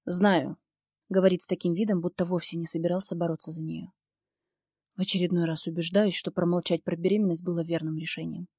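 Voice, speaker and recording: A woman's voice: on the low side, level tone, fast, warm tone, breathy edge, no room sound, clean studio sound. A woman reading a first-person novel aloud in a tense, intense manner. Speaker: audiobook narrator.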